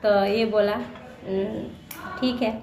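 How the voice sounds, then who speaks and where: A woman's voice: mid-range voice, steady tone, slow, darkish tone. A young woman vlogger telling a personal story to her viewers in a chatty way, repeating phrases and acting out what people said. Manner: chatty, repeats phrases, acts out quoted lines. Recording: echoey room with faint ambient noise.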